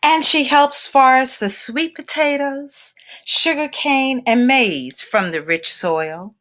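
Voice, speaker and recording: A woman with a high voice reads a children's picture book aloud. Her delivery is deliberate and expressive, like a storyteller, with dramatic pauses.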